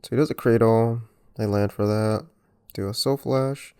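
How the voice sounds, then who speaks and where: A man giving careful, unhurried commentary on a replay of his own fighting game match, with muttered self-critical asides. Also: fairly low pitch, steady tone, mellow, clear, resonant tone. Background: music.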